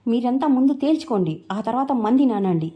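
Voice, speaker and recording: A woman's voice: fairly high pitch, lively intonation, fairly quick, husky, muffled recording, voice pushed up. A woman voicing an angry young husband who scolds his family for wasting his wife's cooking. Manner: scolding, shouting.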